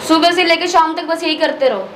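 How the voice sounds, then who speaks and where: A woman's voice: very high-pitched, a little fast, background noise. A woman playing a fed-up daughter-in-law who complains about constant demands in a family skit. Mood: exasperated. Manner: exasperated, complaining. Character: exasperated young daughter-in-law.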